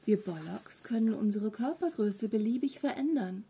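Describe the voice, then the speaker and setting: Woman doing a storybook monster, small, furry, three-eyed, mischievous, rough half-whisper, breathy. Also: mid-range voice, animated, normal speed, mellow. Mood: cheeky friendly. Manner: mischievous, friendly. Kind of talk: audiobook character voice.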